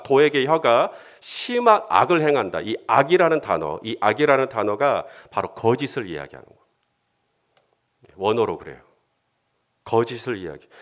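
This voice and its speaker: Lively Korean pastor preaching a sermon. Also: male voice, medium pitch. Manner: lively, conversational preaching that voices prayers with rising emotion.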